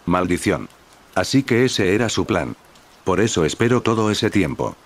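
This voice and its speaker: A man voicing an anxious male deity in a fan-fiction audio story, speaking with hurried urgency. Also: low voice, very animated, heavily acted. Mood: urgent.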